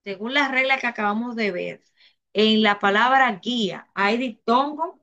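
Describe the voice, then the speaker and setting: A woman's voice: fairly high pitch, pushed and bright, dull audio, a little hiss or hum. Dominican woman teacher asking the class questions. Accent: Dominican Spanish. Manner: slow, repeats herself, asks the class questions. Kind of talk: classroom grammar lesson.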